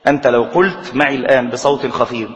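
A man's voice: medium pitch, fast, fairly bright tone. A man with an Egyptian Arabic accent giving a religious lesson on reciting the call to prayer, explaining patiently and sometimes slipping into chanted examples. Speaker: religious teacher. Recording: long hall reverb.

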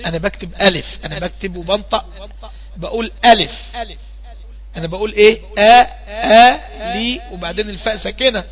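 A man with an Egyptian accent leads a tajweed lesson, his voice high and bright. He questions his students patiently and goes over each point again and again. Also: low-quality recording. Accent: Egyptian Arabic. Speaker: Quran recitation teacher.

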